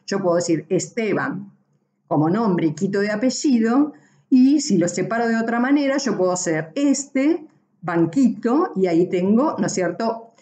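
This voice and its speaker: A woman's voice: mid-range voice, expressive, normal speed, mellow. A woman giving a university class, explaining patiently with frequent tag questions and self-corrections. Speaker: university lecturer. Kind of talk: recorded class lecture.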